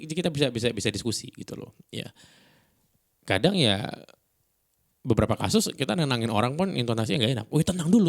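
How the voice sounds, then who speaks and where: A middle-aged man speaking on a business podcast in a relaxed, chatty way, full of fillers and acted-out dialogue. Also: on the low side. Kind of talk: casual podcast talk.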